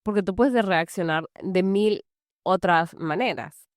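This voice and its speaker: A woman coaches mothers on handling anger, speaking in a relaxed, rambling way with lots of filler phrases. Her voice sits a little low. The sound is dry, with no room echo around it. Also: unhurried. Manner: loose and conversational, full of "es como" fillers. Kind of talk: casual talking-to-camera advice. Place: large house.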